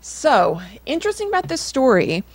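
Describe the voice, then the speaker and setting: Her high voice swoops wildly in pitch at normal speed as she tells casual podcast stories. The co-host is chatty and informal, peppering everything with "like."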